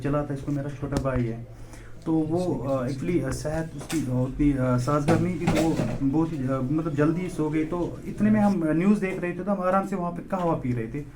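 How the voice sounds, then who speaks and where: A young man speaks outdoors into a reporter's handheld microphone. His voice sits fairly high, and his delivery is halting and full of fillers, yet urgent. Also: noisy background. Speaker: shop owner telling of a fire. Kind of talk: on-the-spot news interview. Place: outdoors beside a burnt shop.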